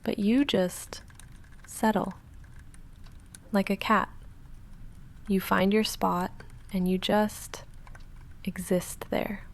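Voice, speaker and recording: This is a tender, hushed ASMR roleplay where a woman portrays a goth vampire roommate at a medium pitch with a level tone. Her delivery is soft and halting, guarded and dry yet quietly warm, often nearing a whisper.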